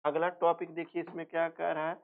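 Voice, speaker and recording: A man's voice: a little high, completely flat delivery, fairly quick, vocal fry. A male teacher giving an exam revision lecture, repeating points, asking and answering his own questions, and slipping into rural dialect for jokes. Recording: tinny phone-like sound.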